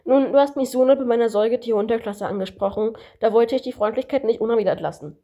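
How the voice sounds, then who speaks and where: A woman's voice: fairly high pitch, mellow. A woman voicing a cheeky, lecturing male kangaroo in an amateur audiobook reading. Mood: smug teasing. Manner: smug, lecturing, quick-witted.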